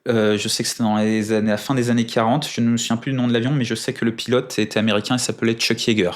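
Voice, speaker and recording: A man's voice: mid-range voice, little pitch movement, racing. A man being interviewed in casual chat, speaking in a careful, formal way with many hesitations, precise with numbers and dates. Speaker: guest.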